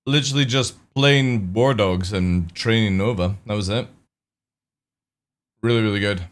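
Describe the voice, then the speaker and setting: Speaking at a measured pace in a fairly low, slightly crackly voice, a young streamer talks casually with his audience. He swears occasionally and greets people in chat by name.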